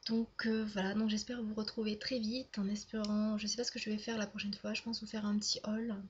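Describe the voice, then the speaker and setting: A woman's voice: medium pitch, level tone, a little fast, slight background noise. A young woman chatting casually to her viewers, rambling along with many fillers and restarts. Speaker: YouTuber. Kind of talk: casual chat to camera. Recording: dull lo-fi home video sound.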